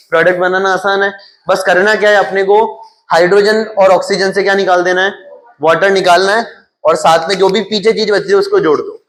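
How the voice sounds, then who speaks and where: A man's voice: high voice, fairly bright tone, a little hiss or hum. A male chemistry teacher with a Hindi accent lecturing his class. He keeps asking questions and answers them himself, repeating the key terms.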